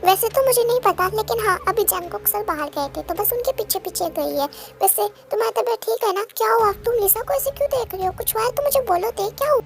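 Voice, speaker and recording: A woman's voice: very high-pitched, fast, vocal fry, few pauses. A woman voicing a nosy young best friend who teases and pushes for answers. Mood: pushy. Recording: loud music under the voice.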